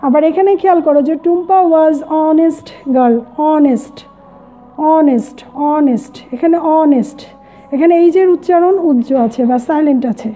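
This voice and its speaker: A woman teaching an English grammar lesson, mixing English phrases into her explanations and slowly repeating words for her learners. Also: high-pitched, dark tone. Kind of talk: classroom lesson. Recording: tinny phone-like audio.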